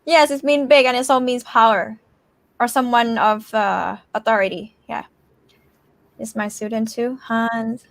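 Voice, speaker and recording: Casual female live-stream host, fairly high voice, expressive and encouraging, close dry sound. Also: unhurried, dry recording. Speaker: host of a language-teaching channel. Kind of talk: casual live chat with a guest and commenters.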